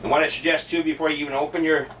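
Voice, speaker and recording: A middle-aged food vlogger chats casually while cooking and tasting in his home kitchen, rambling offhandedly and restarting often. His voice is a little high and fairly bright, with fairly even intonation and a racing pace. A camera mic set back in the room picks him up from a distance along with background noise.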